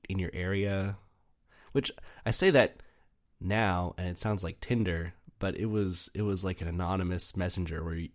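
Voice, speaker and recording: A man's voice: deep voice, a little mellow. A young man co-hosting a podcast, chatting casually in a rambling way with frequent fillers and laughs. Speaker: podcast co-host. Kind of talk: casual chat.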